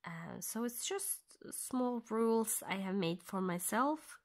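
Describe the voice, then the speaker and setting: This Norwegian woman, speaking accented English as a non-native, half-whispers her way through a casual cross-stitch tutorial. Her pitch is fairly high and her manner animated, and she stops now and then to think aloud.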